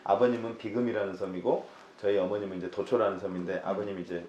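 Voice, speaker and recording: A man's voice: deep voice, steady tone, fast, a little mellow, reverberant, dull audio, a little hiss or hum. A man in his fifties from the Mokpo area, a candidate telling stories as a guest in a casual talk show interview. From South Korea, Mokpo area. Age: 50s. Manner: talkative storyteller, laughs while telling anecdotes.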